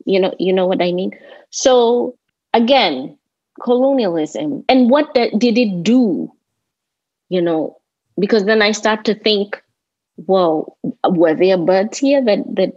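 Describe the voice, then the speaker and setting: In a roomy, slightly dull lo-fi recording, an interview guest with a Kenyan accent talks reflectively in a mid-range, somewhat mellow voice, a little slow. She's a landscape designer from Kenya who grew up in Nairobi, thoughtful and prone to repeating herself for emphasis.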